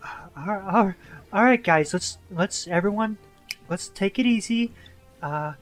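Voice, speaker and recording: A man playing a tabletop game, chatting casually in a halting way and repeating his words. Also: sits high, soft background music.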